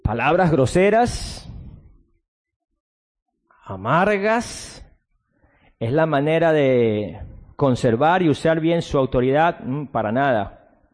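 A man preaching a sermon as pastor, switching between a low, hushed delivery and sudden loud outbursts with drawn-out emphasis, sometimes mocking soft-spoken replies. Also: long reverb tail. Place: church.

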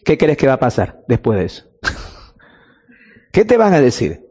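A man's voice: medium pitch, huge pitch swings, a little slow, a little mellow, breathy edge, in a large hall. A man preaching a sermon, emphatic, drawing out key words and asking rhetorical questions.

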